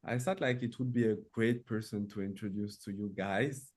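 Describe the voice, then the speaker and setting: A man's voice: fairly low pitch, moderate pace, a little mellow. Upbeat French-accented male host. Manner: enthusiastic, loose second-language English. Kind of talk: live-stream interview.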